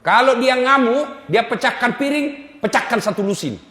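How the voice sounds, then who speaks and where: A man's voice: very high voice, animated, normal speed, bright, forceful tone, slight background noise. A male Islamic preacher giving a humorous sermon, teasing and calling out to his audience. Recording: echoey hall reverb.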